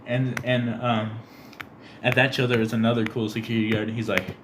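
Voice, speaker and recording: A young man co-hosting a casual podcast, telling stories animatedly and acting out quotes in a squeaky high voice. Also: little pitch movement, brisk, background noise. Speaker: podcast co-host. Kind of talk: casual chat.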